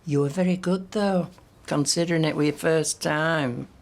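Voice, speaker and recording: An actress playing a blunt, teasing working-class wife in a TV soap. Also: female voice, low-pitched, fairly even intonation, moderate pace, vocal fry. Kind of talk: soap opera acting.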